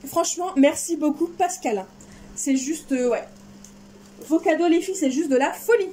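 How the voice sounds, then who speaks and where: A woman's voice: sits high, moderate pace, warm tone, slight background noise. A woman chatting casually and enthusiastically while unboxing craft supplies in her vlog. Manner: enthusiastic, chatty, exclaims often. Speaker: crafting vlogger.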